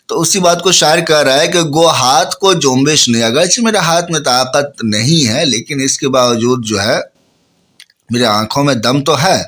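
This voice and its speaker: Bright-voiced man explaining Urdu verses. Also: mid-range voice. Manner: recites verses slowly, then explains plainly; addresses listeners as friends. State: coughing, slightly hoarse. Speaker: Urdu poetry teacher. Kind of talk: explaining a ghazal couplet by couplet.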